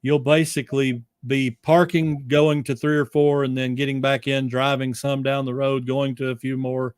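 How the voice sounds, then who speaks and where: A man's voice: medium pitch, level tone, normal speed, smooth, dry recording, clean studio sound. A man chatting casually as a guest on a podcast, explaining things in a loose, rambling way.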